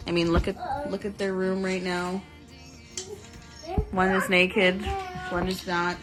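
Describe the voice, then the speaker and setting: A woman gives calm, reassuring parenting advice in a flat, even tone. She speaks slowly, and music plays clearly behind her. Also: lowish voice. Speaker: relative giving parenting advice. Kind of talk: casual heartfelt message.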